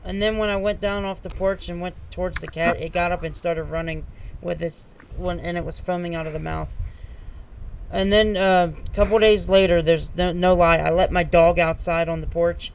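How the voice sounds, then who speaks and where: Male podcast host, high and gravelly, rambling storyteller, lo-fi mic. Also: steady tone, normal speed. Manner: rambling storyteller with many restarts and fillers. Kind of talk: casual podcast chat. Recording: dull lo-fi mic with faint noise.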